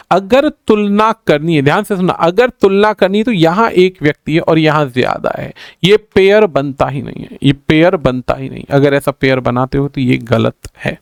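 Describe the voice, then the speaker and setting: A man's voice: high-pitched, creaky, dry recording, clean studio sound. A male teacher explaining exam answers, repeating key points and calling his students "bhai" as he mixes in English grammar terms.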